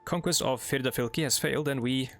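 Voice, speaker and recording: Talking fairly quickly at medium pitch, a young Norwegian let's play host chats his way through a game in accented English. He meanders, uses lots of fillers, and throws in casual asides while reading the game's text.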